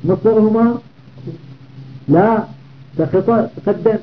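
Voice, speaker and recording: A man's voice: high voice, slow. A man giving a classroom grammar lesson, repeating word patterns and asking his listeners rhetorical questions. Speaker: Arabic grammar teacher. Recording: tinny phone-like audio.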